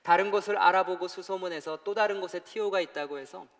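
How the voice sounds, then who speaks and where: A man's voice: high-pitched, fast. A male pastor telling a personal story in a sermon, acting out phone calls and voices as he goes. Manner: storytelling, acts out calls and his brother's voice. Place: church sanctuary. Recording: church hall reverb.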